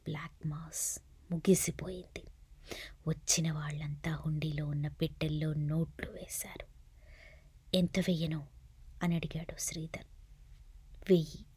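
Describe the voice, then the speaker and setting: A woman reads a serialized novel aloud in a soft, hushed narration. Her voice is husky and sits low in pitch. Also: flat delivery, moderate pace, no room sound. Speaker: audiobook narrator.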